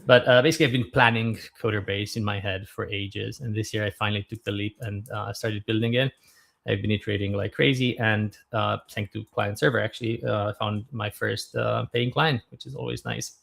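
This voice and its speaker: Low gravelly man, flat delivery. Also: a little fast. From Romania. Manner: relaxed, thoughtful, frequent uh fillers. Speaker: guest, startup founder. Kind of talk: casual podcast interview.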